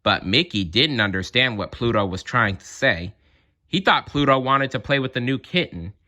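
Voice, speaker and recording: At medium pitch and a normal pace, a man brings a children's story to life, reading it aloud in an expressive narrator's style as a storybook reader.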